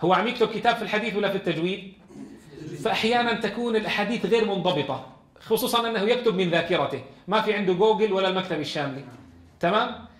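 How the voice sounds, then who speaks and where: A man's voice: high-pitched, racing, fairly bright tone, roomy sound. A man teaching a Quran lesson in a classroom. He reads from a text and explains it, asking his students questions.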